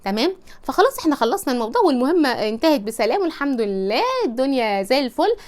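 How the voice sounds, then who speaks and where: A woman with an Egyptian Arabic accent giving frank advice to women. Her voice sits high, and she talks very fast, in a chatty, teasing way that slips into little acted-out scenes. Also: very animated, a little mellow. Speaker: advice vlogger.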